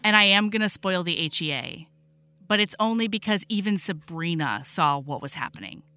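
A woman's voice: on the low side, normal speed. A woman guest on a podcast, chatting casually and animatedly, swearing freely as she retells stories. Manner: animated, swears freely, acts out book characters. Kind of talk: casual chat.

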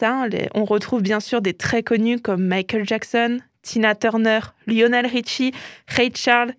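A woman's voice: on the high side, no echo, clean studio sound. A woman hosting a radio show, chatting playfully about pop culture and often adding "hein".

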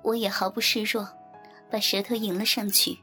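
Woman softly narrating an erotic audiobook. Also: mid-range voice, steady tone, normal speed, faint music behind.

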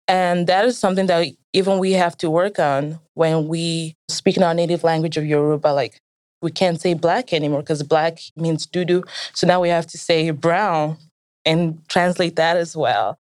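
A woman's voice: low voice, fairly even intonation, moderate pace, a little mellow, dry recording. A young woman born in Nigeria, a university student, answering interview questions in an earnest, reflective way. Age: young adult. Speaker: student guest.

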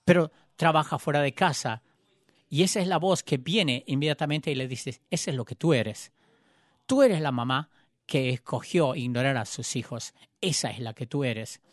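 A male preacher telling a personal story in a sermon, moving between raised, urgent passages and hushed, quiet ones. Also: mid-range voice, no room sound, studio quality. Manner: dramatic storytelling, swings between loud and hushed.

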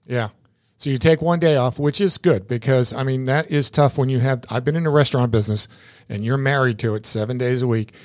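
A man's voice: mid-range voice, fairly quick. A man hosting a casual interview, chatty and rambling, often repeating words as he starts a sentence. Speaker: interview show host.

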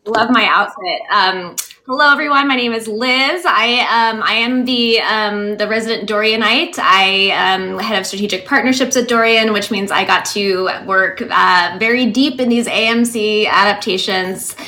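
A woman panelist talking casually with a halting delivery. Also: mid-range voice, sharp tone. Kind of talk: casual self-introduction. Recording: clear background noise.

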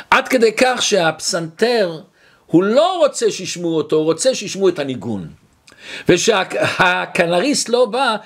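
Male Torah teacher for an animated religious lesson: high-pitched, swings widely, acts out his stories. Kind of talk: religious lecture with a story.

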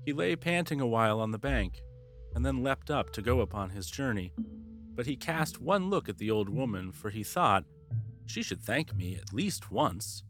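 A man narrating a classic storybook in a measured, vivid manner. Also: medium pitch. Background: soft music.

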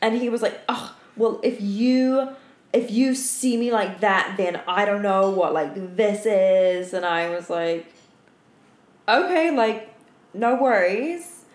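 A woman co-hosting a podcast from home has gone a night without sleep, and her mid-range voice is slow and a little mellow. Her casual chat and storytelling with friends is playful and giggly, sprinkled with some swearing, and the room sounds echoey.

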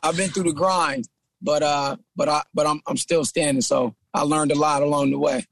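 A man's voice: a little high, steady tone, moderate pace, gravelly, a bit bright, no echo. Laid-back man who keeps saying "man". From San Jose, California. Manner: laid-back, says "man" often, repeats himself. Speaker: guest, trainer and gym owner. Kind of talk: casual interview chat.

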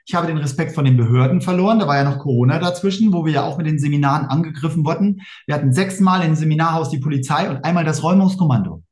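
Fast-talking German man, emphatic. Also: fairly high pitch, darkish tone, roomy sound. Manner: fast, emphatic storytelling, acting out quoted exchanges. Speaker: interview guest. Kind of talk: casual interview talk.

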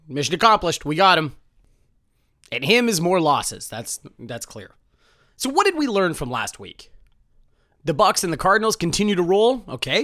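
Quick, animated, sarcastic young male podcast host, dry close sound. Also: fairly high pitch, no echo. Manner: sarcastic, self-mocking, quick jokey delivery. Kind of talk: sports betting podcast, casual chat.

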